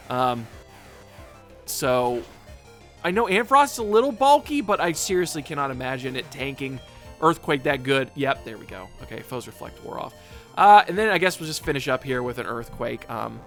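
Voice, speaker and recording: Bright, animated male let's-player, rambling and joke-filled commentary over faint game music. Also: medium pitch. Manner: rambling, filler-heavy and joking. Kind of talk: casual gameplay commentary.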